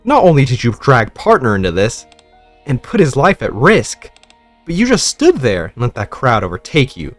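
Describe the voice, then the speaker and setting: Man voicing a hard-edged woman soldier, blunt and accusing, lively delivery, faint music under it. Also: mid-range voice, moderate pace, no room sound. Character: suspicious tough young woman soldier.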